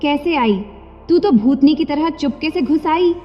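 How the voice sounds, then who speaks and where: A casual young son who answers back with an easy, teasing calm, as a woman acts him out. The voice sits high and bright for a young man. It comes through a dull, lo-fi recording with a long reverb tail. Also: unhurried, soft background music. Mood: startled, teasing. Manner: teasing, unbothered.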